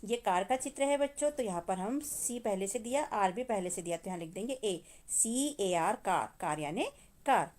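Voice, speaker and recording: A woman's voice: mid-range voice, expressive, darkish tone. Hindi-accented woman teaching kids. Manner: addresses children often, reads English slowly then translates. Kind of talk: workbook lesson for children.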